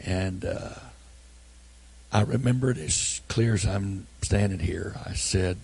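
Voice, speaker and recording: An older man, a pastor, preaching a sermon with earnest, repetitive storytelling that builds from hushed tones to near-shouting. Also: deep voice, slow pace, creaky, breathy edge.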